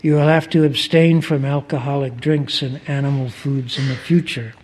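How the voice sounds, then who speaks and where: A man reading aloud the lines of a kindly, revered spiritual master who speaks gently but firmly. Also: medium pitch, steady tone, moderate pace, breathy edge, natural voice. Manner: gentle, firm.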